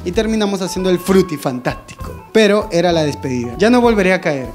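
A young man reads out love stories in a high, bright voice. He acts out the quotes and throws in mocking asides. Faint music plays underneath. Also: animated, fast. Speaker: comedy storyteller host. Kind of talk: comic reading of listener stories.

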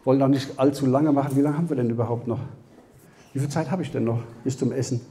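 A man giving a Bible teaching as a sermon, talking conversationally to the congregation, often checking with a quick "ja?" and restarting his phrases. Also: mid-range voice, steady tone, warm tone. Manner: conversational preaching, frequent tag "ja?", restarts. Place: church hall.

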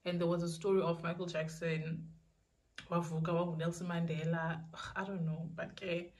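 A young South African woman talks casually to her viewers. Her voice is a little low for a woman. She rambles through her answers and often repeats herself. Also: flat delivery, normal speed, a little mellow. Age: young adult. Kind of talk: casual question-and-answer vlog. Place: small indoor room.

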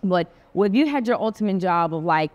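A woman's voice: on the low side, lively intonation, normal speed, a little mellow, highs cut off. Woman, young adult, interview host, upbeat, chatty, slangy, talks at a dinner table. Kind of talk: casual interview chat.

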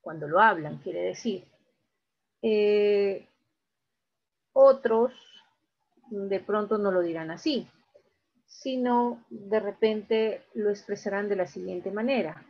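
A woman with a medium-pitched voice teaches a recorded class, going slowly and explaining step by step while checking in often with her students. The audio is lo-fi.

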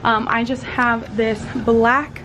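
Bubbly young sorority woman, high voice. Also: little pitch movement, slow, a bit bright. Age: young adult. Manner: bubbly, girly sorority-girl chattiness; heavy use of "like". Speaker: vlogger, college sorority member. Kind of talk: casual vlog chat. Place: small dorm room, indoors. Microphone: handheld camera at arm's length. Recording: clear room noise on camera mic.

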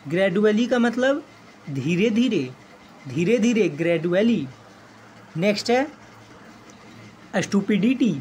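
Slow, drilling woman teacher. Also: medium pitch, expressive, a little mellow, a little hiss or hum. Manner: slow, repeats each word and its meaning. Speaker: English teacher. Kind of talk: vocabulary lesson, word and meaning drills.

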